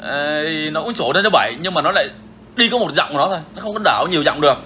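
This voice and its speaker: A man's voice: on the high side, animated, racing, sharp tone, a little hiss or hum. A man hosting a bird-keeping channel, talking casually and frankly to viewers, repeating himself often. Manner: frank, repetitive, chatty.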